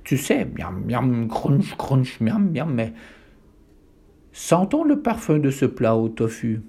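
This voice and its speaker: A man voicing a sly male wolf who is disguised as a granny and puts on a falsetto granny voice. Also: sing-song, slow pace, vocal fry, mellow, husky, heavily acted. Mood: crunchy. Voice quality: mumbling, then falsetto granny voice.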